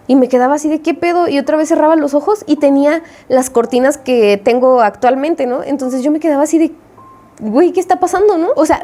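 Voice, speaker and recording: A young woman with a Mexican Spanish accent, an indie game developer and vlogger, tells a casual story in a chatty, slangy style, acting out her own reactions. Her voice is high-pitched yet dark in tone.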